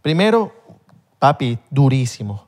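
A man's voice: mid-range voice, sing-song, unhurried, a little mellow. A man co-hosting a podcast in casual chat, rambling and correcting himself as he goes. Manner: rambling, self-correcting, slangy. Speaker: podcast co-host.

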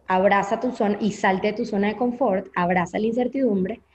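A woman's voice: mid-range voice, steady tone, fairly quick, darkish tone. A young adult woman with a Venezuelan Spanish accent, a guest telling her own story candidly and acting out her past thoughts. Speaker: interview guest. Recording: echoey, slightly dull audio.

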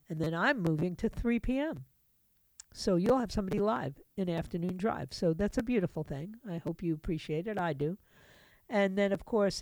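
A woman's voice: medium pitch, no room sound. Talk radio host: middle-aged woman, sardonic and opinionated, dry close mic. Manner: opinionated, sardonic, conversational with asides.

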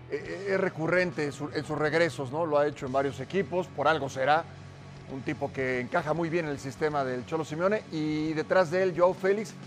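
Slightly high-voiced male football analyst. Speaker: football pundit. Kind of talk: conversational match analysis.

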